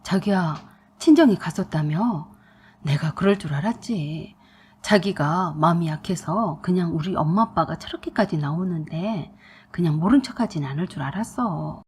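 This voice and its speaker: A woman's voice: lowish voice, normal speed, a little mellow, slightly rough, pitched below the performer's own voice. A woman voicing a smug, selfish young husband who talks in a coaxing, self-satisfied way, in a storybook narration.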